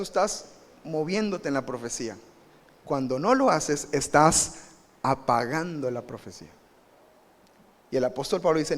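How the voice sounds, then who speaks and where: High-voiced animated male preacher in a reverberant church. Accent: Mexican Spanish. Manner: animated preaching, rising to emphatic bursts, asks the congregation questions. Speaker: pastor. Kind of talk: live sermon. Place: church sanctuary. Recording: live church recording with long reverb.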